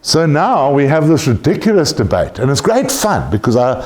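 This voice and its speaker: Blunt joking tax lecturer. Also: male voice, fairly high pitch, wildly swooping pitch, normal speed, darkish tone. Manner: blunt, joking, swears casually. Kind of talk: informal lecture to a class.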